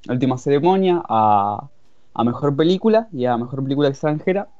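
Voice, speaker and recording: A man's voice: mid-range voice, animated, fairly quick, mellow, no room sound. A man with an Argentine accent, a guest on a casual podcast, talking in a laid-back, jokey way. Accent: Argentine Spanish. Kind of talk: casual chat. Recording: dull lo-fi dry audio, faint music.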